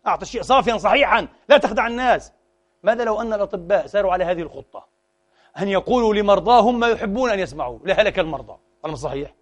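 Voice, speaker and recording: Man giving a sermon, talks fast and lively, high voice. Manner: animated, mixes formal Arabic with colloquial dialect, acts out quoted voices. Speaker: preacher.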